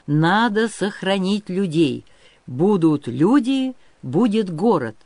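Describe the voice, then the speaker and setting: Weary stern old prince, protective dad, calm and firm; a male narrator puts him on, dry close sound. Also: sits high, takes it slowly, no echo, heavily acted. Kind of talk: audiobook character reading.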